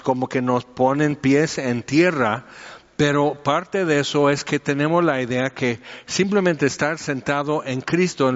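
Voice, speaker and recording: A man preaching in a relaxed, conversational way, working through his point with homely examples. His voice sits at an ordinary middle pitch. The recording is dull and carries a long echo from a church hall. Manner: explanatory, uses homely examples and many fillers. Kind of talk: conversational sermon.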